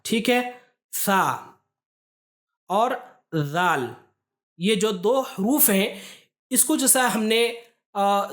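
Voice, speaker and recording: A woman teaching a recitation lesson, explaining letter pronunciation step by step and pausing often to check that students follow. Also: mid-range voice. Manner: patient, step-by-step explaining with frequent "theek hai" checks.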